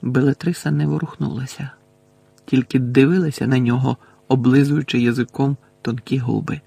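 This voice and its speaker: A male audiobook narrator tells the story in a steady, measured way. His voice is gravelly and somewhat husky, and it sits dry and close to the mic with no room around it. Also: mid-range voice, no echo.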